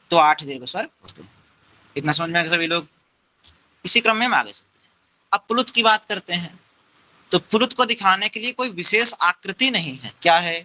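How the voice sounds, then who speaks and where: Bright-voiced man teaching Sanskrit grammar. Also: high voice, poor audio. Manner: explains step by step, repeats terms, asks the class questions. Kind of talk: classroom lecture.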